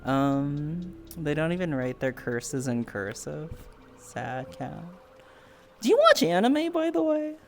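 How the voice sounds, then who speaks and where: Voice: mid-range voice, very animated, slow, slight background noise. A podcast host in casual interview chat on a stream, chatty, joking and rambling.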